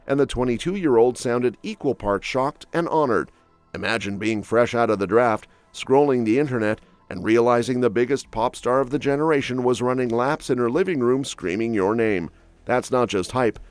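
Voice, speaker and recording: A man's voice: mid-range voice, no echo. A man reading scripted entertainment gossip narration with a snarky, quip-heavy delivery. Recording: dry voice-over with soft music bed.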